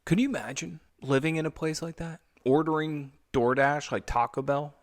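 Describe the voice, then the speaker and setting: A man giving casual, excitable commentary as he reacts to a movie, blurting out reactions and swearing. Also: a little high, moderate pace.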